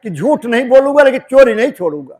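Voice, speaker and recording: A man's voice: extremely high pitch, very animated, fast, darkish tone, breathy edge, exaggerated voice. A man voicing a brash, stubborn thief who talks bluntly and dismissively.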